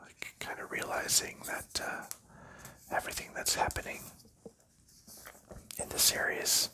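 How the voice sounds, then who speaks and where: Soft laughter punctuates this man's slow, meandering whispers as he makes ASMR content. He talks while sorting board game pieces.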